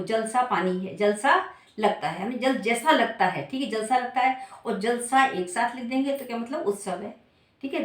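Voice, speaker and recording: A woman teaching a spelling lesson to exam students. She talks slowly, repeats her examples and asks questions that she answers herself. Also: fairly high pitch, fairly bright tone. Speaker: Sanskrit and Hindi teacher. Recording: echoey room, voice from a distance.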